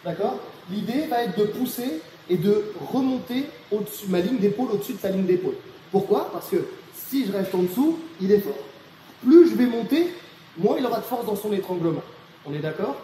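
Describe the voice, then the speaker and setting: A man's voice: sits high, mellow. A man teaching a martial arts technique and explaining each step, often checking in with his students. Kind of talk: technique demonstration. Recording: echoey hall with reverb and faint noise.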